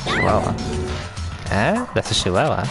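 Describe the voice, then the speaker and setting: Lowish man reading game lines. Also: wildly swooping pitch, moderate pace, creaky. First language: Swedish. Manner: laughing, self-correcting. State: dry mouth. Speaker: gaming YouTuber. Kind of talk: let's play, reading game dialogue aloud. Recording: game music behind.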